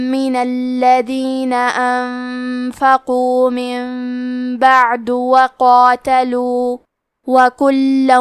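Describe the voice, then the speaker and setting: High-voiced woman teaching Quran recitation. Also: no echo. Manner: explains rules plainly, then recites words slowly and drawn out. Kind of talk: tajweed lesson with slow recitation.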